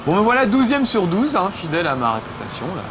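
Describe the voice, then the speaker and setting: This gaming show host has a high voice that swoops wildly in pitch as he talks fast over background noise. He plays along with jokey, self-mocking chatter packed with fillers.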